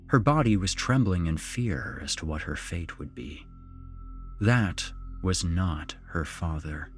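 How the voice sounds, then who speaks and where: A man narrating a scripted horror story in a slow, dramatic, measured way. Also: sits low.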